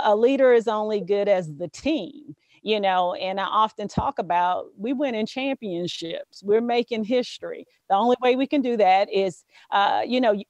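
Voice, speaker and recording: Woman, Southern US accent, interviewer, casual talk, uh and um fillers, mid pitch, dry sound. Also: darkish tone, dry recording, lo-fi sound. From Southern US, Louisiana bayous.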